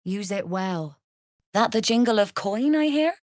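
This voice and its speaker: In video game voice lines, a woman plays a shrewd, mercenary Zhentarim smuggler boss who is wry, self-assured and businesslike, with a cool, threatening menace. Her medium-pitched, slightly mellow voice has lively intonation and an unhurried pace, staying close to her everyday voice. The sound is clean studio audio with no echo.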